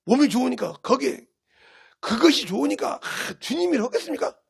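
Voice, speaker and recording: Korean pastor guy mid sermon, gravelly husky voice, pitch jumps all over. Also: big pitch swings, moderate pace. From South Korea. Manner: emphatic, swinging between loud bursts and hushed asides.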